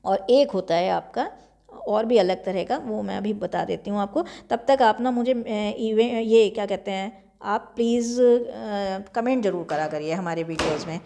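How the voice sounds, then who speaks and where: A young Indian woman teacher giving an exam revision lecture, explaining slowly and repeating key terms. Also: medium pitch, creaky, dark tone.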